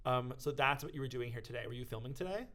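A man's voice: mid-range voice, fast talker, a bit bright. A man co-hosting a podcast in casual chat, playful and joking with his guest. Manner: playful, joking, quotes silly lines. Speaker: podcast co-host.

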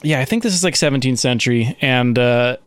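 A man's voice: mid-range voice, fairly quick, smooth, no room sound, clean studio sound. A man hosting a comedy podcast, chatting casually and profanely with many fillers. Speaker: podcast host.

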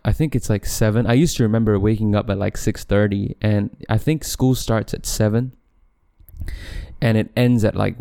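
With a fairly low, dark, clean voice, a young man from Malaysia chats on his solo podcast. Recording in a home room with the camera placed back, he rambles freely, often correcting himself and laughing.

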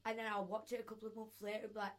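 A woman's voice: mid-range voice, little pitch movement, rapid-fire. A young woman, chatting candidly and casually as a podcast co-host, using plenty of slang. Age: young adult. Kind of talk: casual banter, personal anecdotes.

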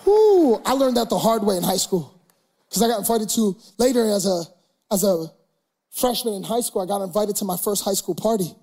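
Young male preacher, husky, comic storyteller who ramps up to shouting. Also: high-pitched, animated, normal speed, some chatter behind. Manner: humorous, builds to loud shouted preaching. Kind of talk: sermon with storytelling.

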